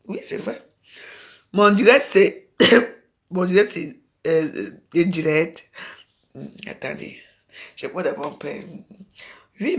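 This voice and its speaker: A woman, chatting on a casual phone livestream in an excitable, rambling way with sudden exclamations. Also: fairly low pitch, vocal fry. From Cameroon. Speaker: live streamer. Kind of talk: casual Facebook live chat.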